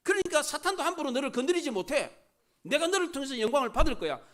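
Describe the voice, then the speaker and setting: A male pastor speaking as the Lord, calmly reassuring a believer. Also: very high voice, fast, exaggerated voice.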